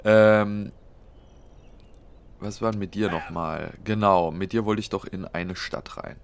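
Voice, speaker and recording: Fighting a cold, a let's play host talks his way through a strategy game, mapping out moves one at a time and filling the gaps with plenty of fillers. He speaks at an unhurried pace in a fairly low, smooth voice with fairly even intonation.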